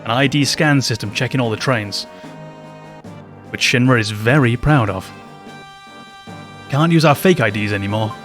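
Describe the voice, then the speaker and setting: Bossy game rebel leader, read by a man, brusque orders, mid-pitched voice. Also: moderate pace, long pauses, a bit bright, faint music behind, natural voice. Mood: commanding. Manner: brusque, commanding.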